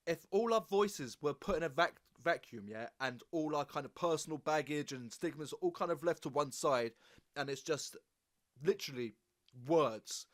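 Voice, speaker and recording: Higher-pitched man hosting a podcast. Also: lively intonation, moderate pace. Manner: reflective, thinks aloud in loose phrases. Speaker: podcast host. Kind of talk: conversational interview.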